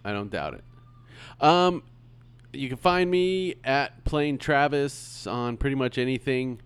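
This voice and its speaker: A man's voice: medium pitch, lively intonation, slow, clean tone. A man hosting a podcast, talking casually and rambling with many ums and restarts. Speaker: podcast host. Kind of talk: casual chat.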